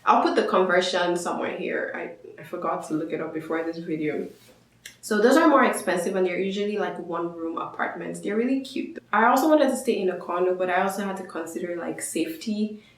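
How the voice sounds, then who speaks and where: A woman's voice: fairly low pitch, brisk. A young woman from Nigeria, a student vlogger, giving casual, upbeat advice to her viewers. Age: young adult. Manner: chatty, explanatory, upbeat. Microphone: camera mic. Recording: echoey room.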